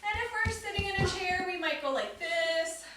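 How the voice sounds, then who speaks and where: A woman's voice: very high voice, moderate pace, very echoey, recorded from a distance, noisy background. A woman leading a family yoga class, upbeat and instructive as she talks children through the poses. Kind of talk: guided kids yoga class.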